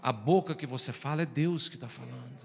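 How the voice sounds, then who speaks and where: A man preaching a storytelling sermon, animated, swinging between loud exclamations and hushed quiet. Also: on the high side, fairly quick, in a large hall. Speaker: pastor.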